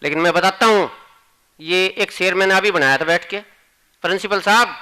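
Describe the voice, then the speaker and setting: A man's voice: sits high, normal speed, sharp tone, clear, resonant tone, rough recording. A man with a Haryanvi accent reciting humorous poetry at a college gathering and joking with the audience between verses. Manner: joking, chatty asides to the audience. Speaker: poet.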